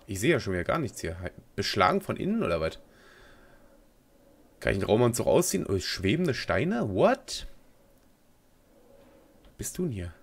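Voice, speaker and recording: A young gaming video host gives a casual let's play, rambling in slang and talking to himself as he plays. His lowish, slightly rough voice is very animated, keeps a normal speed, and pauses often.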